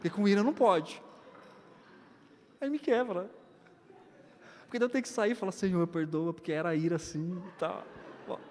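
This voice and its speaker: A Brazilian man in his thirties preaching from a church pulpit, animated and storytelling as he voices his family members. His voice sits a little high for a man, and a long church-hall reverb trails every phrase. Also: normal speed, long pauses, slight background noise. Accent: Brazilian Portuguese. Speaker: pastor. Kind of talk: sermon with personal anecdotes. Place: church sanctuary, indoors.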